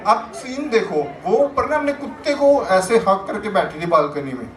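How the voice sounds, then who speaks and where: A young man on a comedy stage tells stories in a bright, high register. His delivery is chatty and anecdotal, building steadily to each punchline. The sound carries the echo of the room, and he sits at some distance from the mic over a faint background hiss. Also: lively intonation, moderate pace. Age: young adult. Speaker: stand-up comedian. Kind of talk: stand-up comedy storytelling. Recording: echoey room, voice picked up from a distance.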